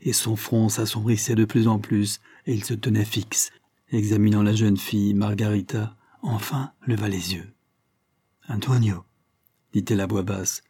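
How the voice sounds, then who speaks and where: A man reading a historical novel aloud as narrator, measured and literary. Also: lowish voice, little pitch movement, mellow, breathy edge, no room sound, studio quality.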